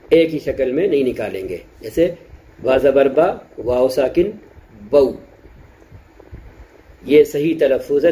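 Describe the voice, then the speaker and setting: Male tutor, mellow voice, patient, repeats points and drills syllables aloud. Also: medium pitch, low-quality recording. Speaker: Quran recitation teacher. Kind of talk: explanatory lesson. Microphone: close mic, shows lip shapes to camera.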